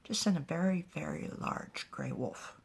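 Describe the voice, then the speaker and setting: A woman telling a fantasy story aloud in an animated way, often dropping to a whisper. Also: deep voice, normal speed. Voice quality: husky and breathy.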